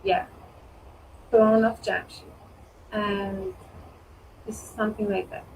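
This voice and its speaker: Slow-speaking woman on a video call. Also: medium pitch, level tone, far from the mic, a little hiss or hum, poor audio. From Iran. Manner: slow, halting, with many "uh" pauses. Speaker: conversation club participant. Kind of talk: casual online chat in English.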